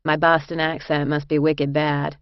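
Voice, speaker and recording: A woman's voice: low voice, level tone, normal speed, no echo, highs cut off. A woman voicing a friendly young female inmate who chats casually and reassures a newcomer. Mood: chatty.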